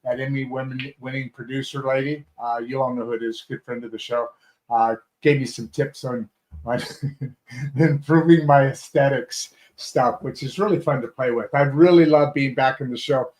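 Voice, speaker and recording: A man with a mid-range, darkish voice and fairly even intonation hosts a talk show at normal speed. Chatting casually, he meanders through his guest's introduction, restarting often and using fillers. The audio is poor, from a home-studio video call setup.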